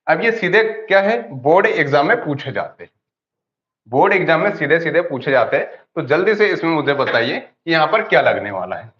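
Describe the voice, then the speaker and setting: Hindi-speaking teacher who quizzes himself aloud. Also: male voice, a little high. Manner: repeats questions and answers them himself. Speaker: English grammar teacher. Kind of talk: online class lecture. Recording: dull lo-fi audio.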